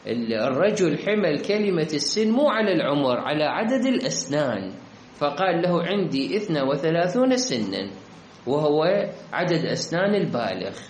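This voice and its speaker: A man's voice: on the high side, very animated, moderate pace. A man teaching a lesson. He explains each example by going back over the question and the answer. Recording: echoey room with faint ambient hum.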